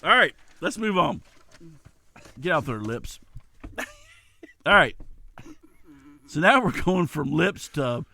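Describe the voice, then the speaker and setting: A man from El Salvador hosting a loose comedy news show. His voice is high, bright and lively, and he reads the stories with stumbles and laughter. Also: takes it slowly, gravelly, long pauses, slight background noise. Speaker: podcast host. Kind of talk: casual comedic news chat.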